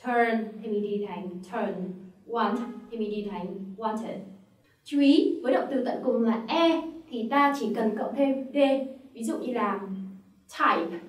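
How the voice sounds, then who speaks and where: Woman, Vietnamese accent, higher voice, patient grammar teacher; roomy, slightly distant mic. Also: takes it slowly. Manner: patient, step-by-step explaining with repeated examples. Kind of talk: classroom-style grammar lesson.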